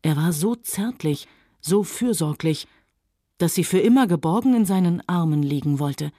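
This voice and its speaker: A woman narrating a novel aloud in calm, measured scripted storytelling. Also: lowish voice, no room sound, studio quality. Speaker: audiobook reader.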